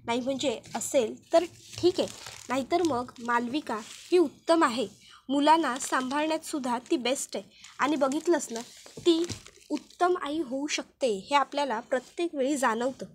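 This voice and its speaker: A woman's voice: sits high, moderate pace, slight background noise, natural voice. Woman voicing a coaxing middle-aged aunt. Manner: soft, coaxing. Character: persuasive middle-aged aunt, gently advising.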